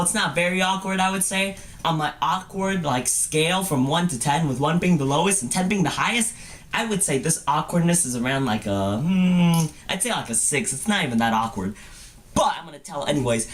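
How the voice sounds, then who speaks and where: This young man vlogs in a goofy way, turning his personal stories into comedy with playful, over-the-top mock-cute wording. His voice is slightly high and a little bright.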